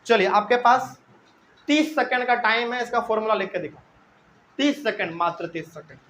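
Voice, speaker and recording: High, bright-voiced male chemistry teacher. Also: lively intonation, slight background noise. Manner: repetitive, drawn-out, checks in with students. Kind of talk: classroom lecture. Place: classroom with live and online students.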